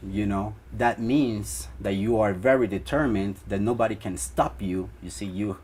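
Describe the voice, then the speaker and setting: A man's voice: lowish voice, moderate pace, darkish tone, breathy edge. A young man from Ecuador, a band guitarist, answering interview questions in a rambling way with many fillers.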